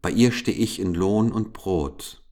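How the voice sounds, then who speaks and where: A man voicing a gentle young maiden servant who speaks softly in rhymes, read aloud from a fairy-tale book. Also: lowish voice, takes it slowly. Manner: soft, gentle, sing-song rhyming speech. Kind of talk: storybook reading.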